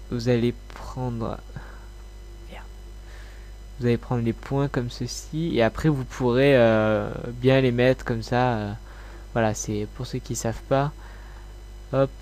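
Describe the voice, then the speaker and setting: Casual tutorial host, male, mid-pitched voice blocked by a cold, informal and halting delivery. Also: darkish tone. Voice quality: congested, blocked-nose sound. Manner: informal, hesitant, mildly sweary. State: slightly ill with a cold.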